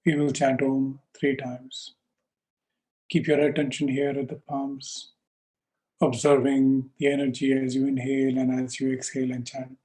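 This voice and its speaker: In a rough recording, a man who teaches yoga leads a guided meditation. His medium-pitched voice stays level and even with little melody, and he gives calm, short, measured instructions with space between them.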